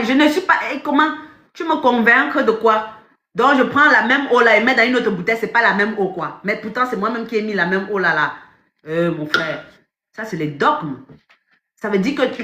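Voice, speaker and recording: A woman coach talks on a phone live stream, emphatic and direct, circling back to the same phrases again and again. Her voice is fairly high and bright. The room around her rings with echo. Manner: emphatic, repeats phrases, addresses viewers directly. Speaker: life coach. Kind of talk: live-stream motivational talk.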